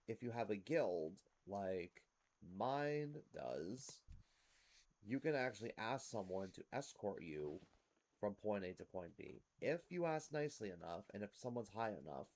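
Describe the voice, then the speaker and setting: A man's voice: on the low side, big pitch swings, a little slow, darkish tone. A man hosting a gameplay series, explaining things to viewers in casual commentary. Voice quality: rough smoker's-type cough.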